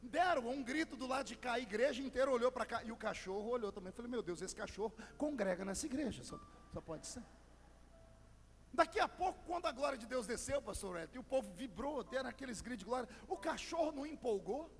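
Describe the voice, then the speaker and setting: A Brazilian pastor preaching a Pentecostal sermon, telling a story and building into shouted crescendos, in a large church hall. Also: male voice, very high-pitched, expressive, fast talker, few pauses. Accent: Brazilian Portuguese. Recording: long hall reverb with faint music.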